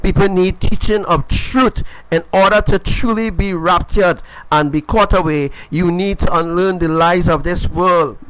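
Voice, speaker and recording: A man's voice: high voice, measured pace, a bit bright, clear, resonant tone, rough recording. A man preaching an informal sermon, emphatic and repetitive, often checking in with his listeners. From Caribbean.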